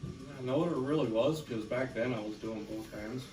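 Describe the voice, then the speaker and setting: A man casually talking in an interview, relaxed and reminiscing. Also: medium pitch, normal speed, slight background noise. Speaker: band vocalist. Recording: roomy, distant mic, music behind.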